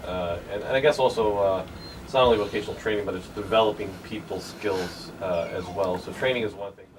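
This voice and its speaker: A man's voice: lowish voice, fairly even intonation, a little fast. A man hosting a radio business show, asking a guest long, hesitant questions. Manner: questioning with many fillers and restarts. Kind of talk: radio interview. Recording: distant mic with background noise.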